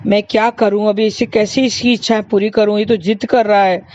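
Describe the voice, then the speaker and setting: A gentle, poor mother, voiced by a woman storyteller, refusing her son softly and patiently. Her voice sits at a middle pitch, and the recording is dull and lo-fi. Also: level tone, fairly quick, close to an everyday voice.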